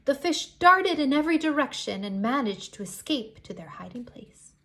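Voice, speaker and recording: A high-pitched woman gives an expressive read-aloud of a picture book for young children, emphasizing moments with deliberate drama.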